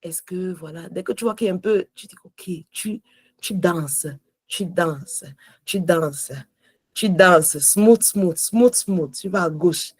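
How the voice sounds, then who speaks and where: Woman, devotional teacher, passionate, mixes French and English, husky, lowish voice. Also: measured pace, dark tone, no echo.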